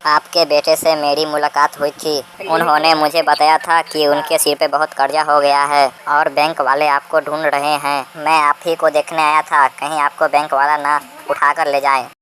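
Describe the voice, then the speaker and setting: A man voicing a flattering, freeloading distant relative in a comedy sketch, soft and wheedling. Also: fairly high pitch, normal speed, few pauses, slight background noise.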